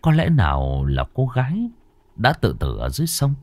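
Expressive man telling a ghost story. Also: normal speed, no room sound. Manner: expressive, varied pitch.

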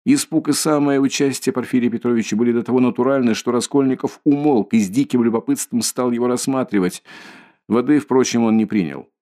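A man narrating a classic novel as an audiobook in a measured, expressive reading. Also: mid-range voice. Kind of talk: scripted literary narration.

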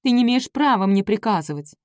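A stubborn, impulsive young heroine pushes back with a raised, defiant voice, put on by a woman reading the story. The delivery is pitched up and louder against a dark, mellow tone. The recording is close and dry. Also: expressive, brisk, no echo, natural voice. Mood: angry.

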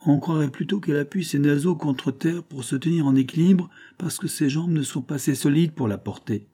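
A man's voice: on the high side, brisk, voice pushed up, close to an everyday voice. A man voicing a spirited young country woman with city schooling who speaks boldly and playfully. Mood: teasing. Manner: lively, bold, playful. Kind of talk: audiobook character reading.

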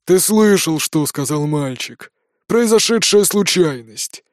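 A wounded old dwarf grumbles and groans in a weak, strained voice, as a man acts him out. He sits a little higher than an everyday man, and the storybook sound stays close and dry. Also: expressive, slow, dry recording. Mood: groaning outburst.

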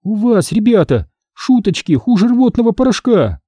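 Man voicing a sharp-tongued teenage girl. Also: high-pitched, very animated, no echo, clean studio sound, voice pushed up. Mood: mocking. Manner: scolding, quick retorts. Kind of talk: audiobook character voice.

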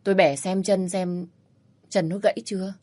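A woman's voice: on the low side, fairly even intonation, normal speed, dark tone, natural voice. A woman voicing a cocky, teasing young man with a brusque, mocking way of talking, in a storybook reading.

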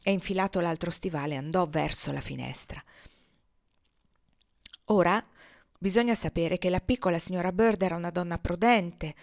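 Woman audiobook reader, calm, steady literary narration. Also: lowish voice, moderate pace, creaky, pauses often, no room sound, clean studio sound.

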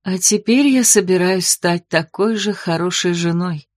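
A woman voicing a queen, tender yet resolute, speaking softly and earnestly. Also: on the low side, measured pace, no room sound, clean studio sound.

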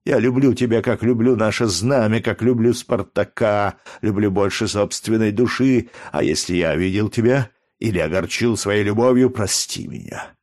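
Man playing young gladiator, lovesick, breathless, impassioned, low voice, audiobook. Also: animated, slow, dry recording, studio quality.

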